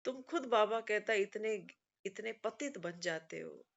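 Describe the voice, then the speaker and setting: A woman's voice: medium pitch, animated, a little slow, creaky, a little hiss or hum. A woman giving a devotional talk in a storytelling way, often quoting teachings and adding conversational asides. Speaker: spiritual speaker. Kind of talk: devotional discourse. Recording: muffled lo-fi recording.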